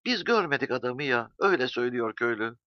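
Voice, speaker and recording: A man's voice: mid-range voice, fast talker, no room sound, pitched above the performer's own voice, close to an everyday voice. A man reading a story, voicing an older village mother who is anxious and emotional. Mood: worried. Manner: excited, pleading, crying out. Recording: dull dry recording.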